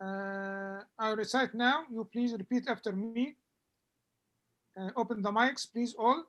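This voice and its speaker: A woman's voice: fairly high pitch, extremely slow. A woman teaching Quran recitation in an online class, patiently repeating words for her students over a video call.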